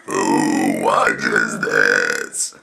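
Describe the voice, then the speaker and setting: A man's voice: rumbling low, steady tone, very slow, vocal fry, bright, forceful tone, slight background noise, voice pushed down, exaggerated voice. A young man burping out his words in long belches for a home video stunt. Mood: strained, goofy. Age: young adult. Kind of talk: burp challenge stunt. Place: living room at home.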